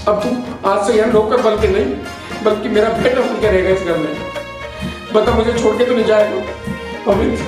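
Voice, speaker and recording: An actor playing a householder who loudly accuses his servant of theft in a rural Hindi film. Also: high voice, moderate pace, natural voice. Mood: remorseful. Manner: loud, accusing, then remorseful. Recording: echoey room, mic far off, background music.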